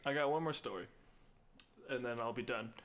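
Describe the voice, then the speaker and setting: Guest, male, easygoing storyteller, mid-pitched, laughs a lot, mimics coworkers. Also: a little fast. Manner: relaxed, laughs often, mimics people. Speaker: podcast guest. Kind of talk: casual storytelling chat.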